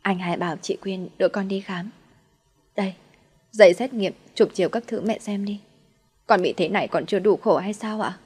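Woman doing a young wife playing sick, pleading, quietly sly. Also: medium pitch, moderate pace, slightly rough, natural voice. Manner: pleading, faking weakness. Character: wronged, cunning young wife.

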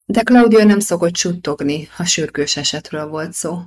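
A woman narrating a novel as an audiobook in a steady, even storytelling manner. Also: on the low side.

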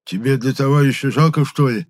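A man's voice: medium pitch, brisk, pitched above the performer's own voice, close to an everyday voice. A man voicing a whiny, moaning male spirit stuck inside a rotting corpse, who sometimes bursts into roaring.

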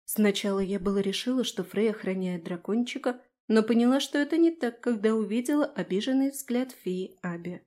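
A woman narrating a first-person fantasy audiobook in an expressive, storytelling manner. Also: mid-range voice, a little fast, hardly any pauses.

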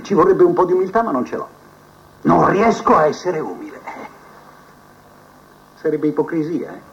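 An actor playing a proud, scheming male prison inmate who believes he is a genius, musing aloud to his cellmate in a theatrical TV drama monologue, drifting between soft mutters and sudden outbursts. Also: fairly high pitch, expressive, moderate pace, creaky, slight background noise. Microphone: cassette recorder mic held to a TV speaker. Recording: muffled TV audio taped off a set onto cassette.

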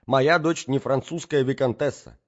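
An indignant middle-aged matron, put on by a male audiobook reader insists and demands answers. Her voice is raised high and pushed loud. The recording is dull and lo-fi. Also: normal speed, lightly acted.

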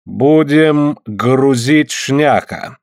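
A man voicing a fierce northern native man who speaks broken Russian in slow, drawn-out words. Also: a little high, expressive, a little mellow, dry recording, studio quality, voice pushed up. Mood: shouting, terse.

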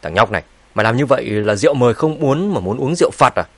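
Brief: man voicing a rough young thug, loud and angry, slightly raised pitch. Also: big pitch swings, quick pace, no room sound, full character voice.

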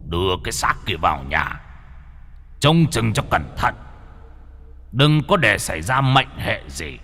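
A man's voice: on the low side, big pitch swings, a little slow, bright, forceful tone, a little hiss or hum, full character voice. A man voicing a stern male demon warden of hell, speaking in a menacing, commanding way.

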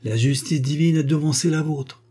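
A man voicing a calm, grave male doctor who speaks in a measured way. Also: on the high side, breathy edge, voice pushed up.

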